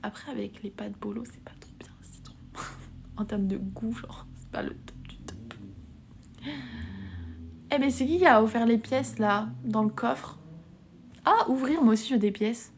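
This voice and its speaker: A young woman from France chatting casually on a live stream. She often drops into soft whispers, giggles a lot and uses casual slang. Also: on the high side, moderate pace, creaky, slight background noise. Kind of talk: live-stream chat with viewers.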